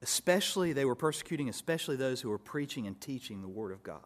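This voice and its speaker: A male pastor preaching an expository sermon, building to emphatic peaks and dropping to soft asides. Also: mid-range voice, expressive, quick pace.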